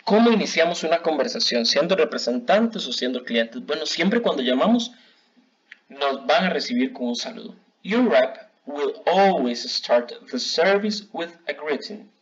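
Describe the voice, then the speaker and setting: Slow teacher, dull audio. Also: male voice, a little high, animated. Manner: slow, clear model phrases for learners to repeat. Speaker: English teacher. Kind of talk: bilingual language lesson. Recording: dull lo-fi recording.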